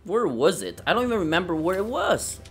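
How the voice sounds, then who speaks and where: Excitable man commenting on a game. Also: high-pitched, fairly quick, faint music behind. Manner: excitable, cursing, shouts in bursts. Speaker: gamer. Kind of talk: let's play commentary.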